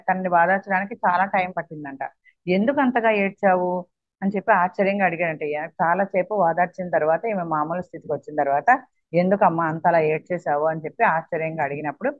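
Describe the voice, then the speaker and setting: A woman's voice: on the low side, dry recording, muffled recording. A woman leading a study session, reading a book aloud and then explaining each passage again in plain, conversational words.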